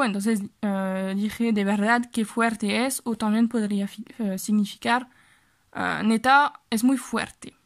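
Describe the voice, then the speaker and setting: Woman, young, French speaker, unhurried, patient teacher, repeats words, fillers. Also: a little high. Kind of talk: reading lesson, slow explanation.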